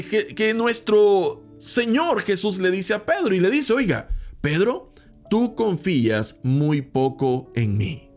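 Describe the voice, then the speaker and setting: High-voiced earnest preacher over soft music. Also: male voice. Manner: earnest, rhetorical questions to the listener, slow emphatic phrasing. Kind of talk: daily devotional sermon.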